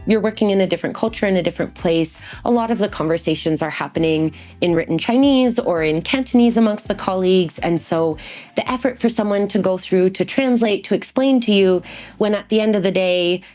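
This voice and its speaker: With faint music underneath, a woman guest reflects during an interview and passes along practical lessons from teaching. She speaks fairly quickly in a mid-range voice with a darkish tone.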